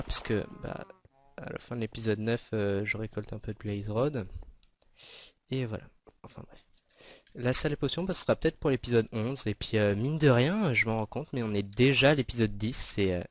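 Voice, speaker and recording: A man giving casual, rambling commentary over his own gameplay, with many fillers and restarts. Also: lowish voice. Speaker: gaming video host.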